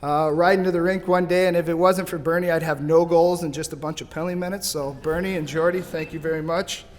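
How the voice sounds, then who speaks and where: A man's voice: a little high, steady tone, fast. A man from St. Louis giving a thankful, storytelling hall of fame acceptance speech at a podium microphone in a banquet hall. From St. Louis, USA. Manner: storytelling, thankful, loose and joking. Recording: hall reverb.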